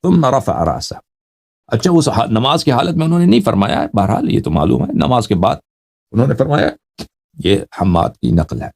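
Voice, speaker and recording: A man's voice: mid-range voice, very animated, gravelly, a little mellow. A man teaching as a religious scholar, reading Arabic phrases and explaining each one, and often checking with his listeners. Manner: reads Arabic then explains in Urdu, checks with "ٹھیک ہے نا". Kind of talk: explaining a hadith text line by line.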